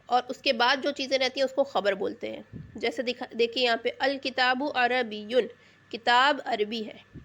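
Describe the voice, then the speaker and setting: Patient woman teacher with a higher voice. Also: fairly even intonation, fairly bright tone. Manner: patient, repeats key terms and asks rhetorical check questions. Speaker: Arabic grammar teacher. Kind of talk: explanatory lesson in Urdu.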